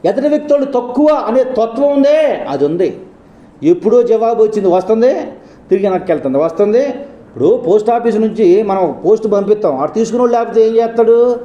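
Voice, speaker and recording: High-voiced preaching man, echoey room. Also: animated, brisk, dark tone, highs cut off. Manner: preaching with rhetorical questions and quoted dialogue. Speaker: pastor. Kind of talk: sermon.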